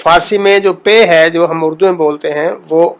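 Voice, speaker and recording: A man giving a spoken lesson on pronunciation, explaining in a measured way, repeating sounds and pausing often. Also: on the high side, fairly even intonation. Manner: measured, explains slowly with repetitions and pauses. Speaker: language teacher.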